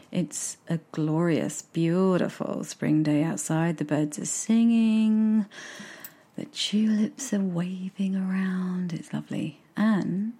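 Low husky British woman, half-whispering. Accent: regional British, drops consonants. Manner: soft-spoken, often drops to a whisper, musing. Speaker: writer vlogging about her novel draft. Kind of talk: casual reflective talk to camera.

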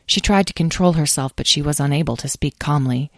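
Low-voiced woman reading a story. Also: a little fast, no room sound, clean studio sound. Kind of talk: storybook narration.

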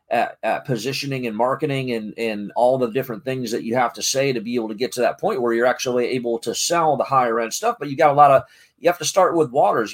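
A middle-aged man in a casual talking-to-camera vlog, rambling excitedly with lots of restarts. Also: mid-range voice. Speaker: vlogger and parent.

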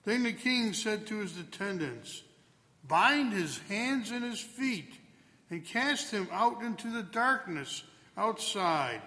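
A man reads the Gospel in a large church, each phrase slow and weighed. His fairly high voice swoops through a wide, lively range. A long cathedral echo hangs after every line. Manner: slow, deliberate proclamation with wide pitch swings. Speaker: gospel reader at Mass. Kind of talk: solemn liturgical reading.

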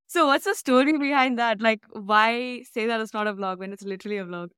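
Brief: giggly podcast host, woman, smooth voice, dry close sound. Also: a little high, expressive, normal speed, a bit bright, no room sound. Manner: bubbly, giggly, loose fillers. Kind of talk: casual chat.

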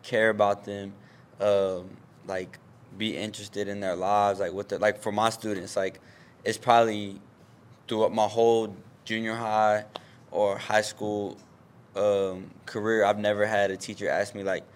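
A man's voice: on the low side, flat delivery, a little slow, clear, resonant tone. A young adult man who works as a teacher, giving earnest, plain-spoken advice in casual chat.

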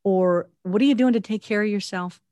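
A woman's voice: medium pitch, brisk, a little mellow, dry recording, lo-fi sound. A woman co-hosting a casual faith-based chat, earnest and intense, laughing often as she talks. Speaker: podcast co-host.

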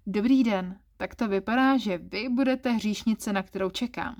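A woman's voice: medium pitch, darkish tone, lightly acted. A woman voicing a smug flirtatious male clerk. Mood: teasing. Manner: teasing, suggestive double meanings.

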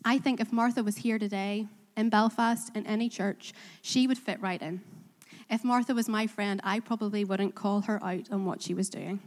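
At normal speed and in a steady, mid-range voice with a darkish tone, a Korean-accented woman preaches in a church in Belfast. She's earnest and self-deprecating, asks her congregation questions, and the hall around her is reverberant.

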